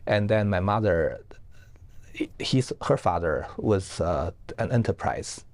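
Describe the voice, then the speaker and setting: A man from northeast China, a professor giving earnest, halting, explanatory answers as an interview guest. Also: sits low, animated, a little mellow, no room sound.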